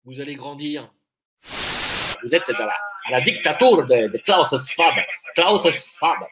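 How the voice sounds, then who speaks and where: A man ranting sarcastically on a live stream, swinging from shouting to mutters. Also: a little high, expressive, a little slow, background noise. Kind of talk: satirical rant on a live stream.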